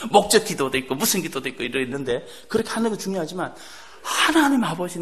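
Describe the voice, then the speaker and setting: Animated high-voiced man preaching. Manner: animated, folksy storytelling with acted prayers and laughs. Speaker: missionary preacher. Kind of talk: sermon. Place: church sanctuary.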